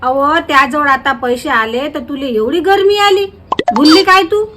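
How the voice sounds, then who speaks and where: A woman's voice: high-pitched, a little slow, noisy background. A woman in a village comedy sketch, talking back in an indignant, argumentative way.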